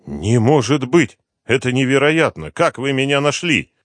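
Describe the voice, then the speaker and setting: A man's voice: medium pitch, animated, moderate pace, no echo, clean studio sound, pitched above the performer's own voice, close to an everyday voice. A male audiobook reader voicing a dying, desperate middle-aged former KGB officer who pleads in a strained voice and breaks into coughs.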